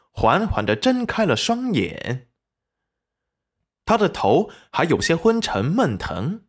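Brief: male audiobook narrator, slow, highly expressive intonation. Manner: expressive storytelling. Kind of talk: audiobook narration of a web novel.

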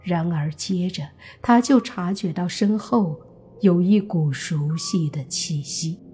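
A woman narrating a serialized suspense novel in a steady storytelling voice. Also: on the low side, slow pace, soft background music. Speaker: audiobook narrator.

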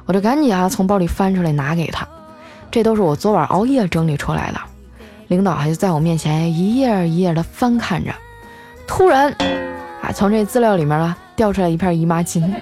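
A woman host telling a funny story in a lively, chatty way, dropping in many little filler particles. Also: fairly low pitch, fast talker, faint music behind. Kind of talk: comic storytelling.

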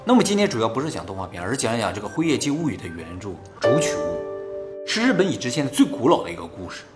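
A man hosting and telling old tales in a casual fireside storytelling manner, pausing for explanatory asides. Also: medium pitch, wildly swooping pitch, music in the background. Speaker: host and storyteller.

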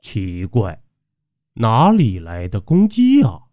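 A man voicing a brash, hot-tempered male tomb robber who talks in gruff, sneering outbursts, in an audiobook with dull lo-fi sound. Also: lowish voice, wildly swooping pitch, slow pace, mellow, dry recording, full character voice. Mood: puzzled.

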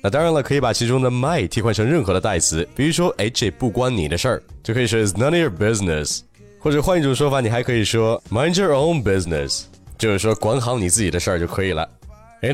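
A man teaching English phrases, who asks the listener questions and slows right down to say each English example with care. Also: medium pitch. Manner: switches into slow, careful English for example phrases. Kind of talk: recorded language lesson.

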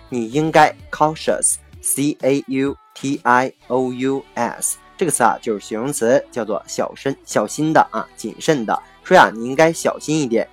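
A man hosting a podcast vocabulary lesson, explaining patiently, spelling words letter by letter and slowing down for English phrases. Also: mid-range voice, husky. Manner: ends phrases with drawn-out particles.

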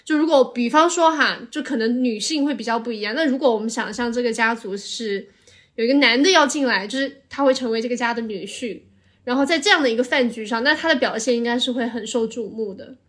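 Female co-host, somewhat high pitch, casual and reflective, analytical explainer who talks at length. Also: fast, fairly bright tone. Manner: analytical, explains at length with occasional English filler. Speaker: podcast co-host.

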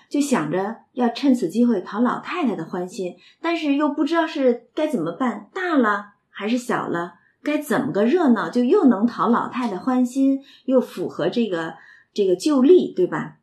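A woman's voice: fairly high pitch, sing-song, moderate pace, a little mellow. Chatty woman retelling a classic novel. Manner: chatty, with asides to the listener. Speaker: literature storyteller.

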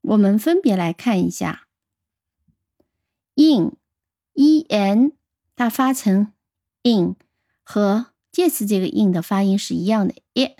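A woman giving a radio vocabulary lesson, pronouncing words slowly and carefully and spelling them out letter by letter. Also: medium pitch, lively intonation, dark tone, no room sound, studio quality. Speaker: English vocabulary teacher.

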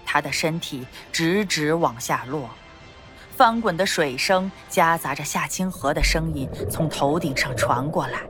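A woman narrating a novel as an audiobook in an expressive storytelling manner. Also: sits low, unhurried, over music. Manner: expressive storytelling, lively intonation.

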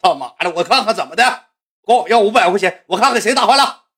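A deaf, hot-tempered old grandfather bellows, as a man puts him on. He blusters loudly and talks over everyone, his pitch jumping wildly. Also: lively intonation, fast, breathy edge, heavily acted. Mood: angry yelling. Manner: shouting, blustering.

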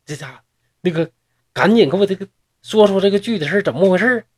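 A man's voice: on the high side, big pitch swings, normal speed, a little mellow. A man with a Northeastern accent voicing a pining, desperate lovesick young man in a storybook tale. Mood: eager. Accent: Northeastern Mandarin. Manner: desperate, pleading.

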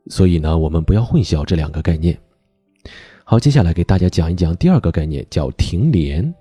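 Low, husky male voice coach. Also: animated, fast talker, mellow, dry recording, faint music behind. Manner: explanatory, stresses key words with sudden pitch jumps. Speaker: voice training teacher. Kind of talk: recorded online lesson.

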